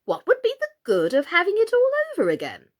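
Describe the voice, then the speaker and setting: A woman voicing an excitable, bossy old storybook queen who wails and exclaims, turning squeaky when excited. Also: fairly quick, exaggerated voice. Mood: brisk, wistful. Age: older.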